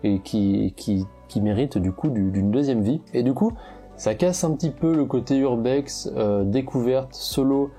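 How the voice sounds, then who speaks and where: A young man with a strong French accent tells his travel stories in a loose, chatty way, full of hesitations and restarts. His voice is very dark and mellow. Faint music plays under him. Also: mid-range voice, a little slow. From France. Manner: chatty, many fillers and restarts. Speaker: travel photographer vlogger. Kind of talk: casual travel storytelling.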